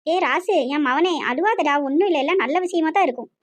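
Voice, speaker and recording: A woman's voice: sits high, lightly acted. Woman voicing bossy village mother-in-law. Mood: soothing. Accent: Tirunelveli Tamil. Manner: scolding, brisk, motherly. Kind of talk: animated cartoon voice acting.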